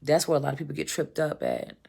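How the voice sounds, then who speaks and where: A woman's voice: low-pitched, wildly swooping pitch, fast, gravelly, warm tone. A woman giving an emphatic, blunt motivational monologue, swearing casually and calling the listener baby. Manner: emphatic, preachy, repetitive. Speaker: vlogger.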